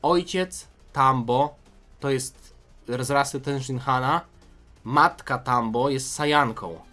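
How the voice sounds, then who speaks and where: Youtuber excitable male comic reader, jokey, swears, faint music bed. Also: medium pitch, slow pace. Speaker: youtuber reading a fan comic. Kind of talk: comic read-through with reactions.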